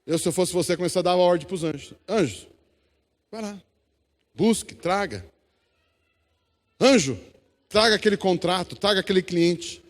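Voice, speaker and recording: A man's voice: high-pitched, expressive, moderate pace, long pauses. A man with a Brazilian accent preaching a sermon in church, exhorting the congregation and calling for responses. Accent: Brazilian Portuguese. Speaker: pastor. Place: church hall. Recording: long church hall reverb.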